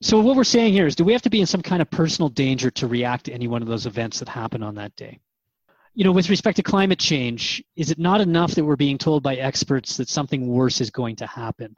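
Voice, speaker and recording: A man cast as the interviewer in a radio drama series talks through questions and answers hesitantly, in a reflective, conversational way. He speaks quickly, with lively intonation at medium pitch. The audio is dry and slightly dull.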